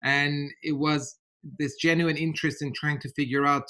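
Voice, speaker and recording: Bright and forceful, with a slightly high, level voice, this middle-aged man from Turkey gives a podcast interview as a guest. His Turkish-accented answers are careful and reflective, punctuated by many hesitations.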